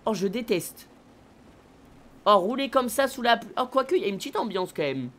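A man live-streaming a video game, excitable and slangy, talking straight to his chat. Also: high-pitched, normal speed.

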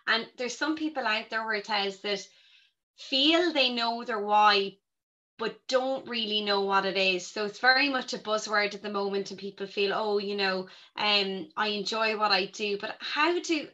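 A woman's voice: medium pitch, sharp tone, lo-fi sound. A woman hosting a leadership podcast, speaking enthusiastically and gushing with praise for her guest. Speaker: podcast host, retail coach. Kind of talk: podcast interview.

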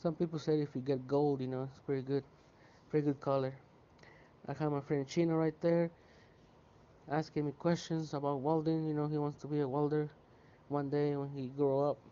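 Male welder vlogger, easygoing chatty delivery, warm and smooth, muffled camera sound. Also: a little high, moderate pace. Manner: relaxed, chatty, lots of "you know". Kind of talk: casual how-to narration. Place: outdoor welding yard.

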